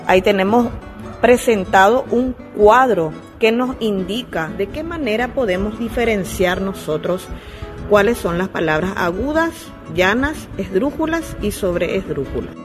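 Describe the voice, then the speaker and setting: A woman teaching a lesson, explaining slowly and carefully and correcting herself as she goes. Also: medium pitch, lively intonation, over music. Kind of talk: slow classroom explanation.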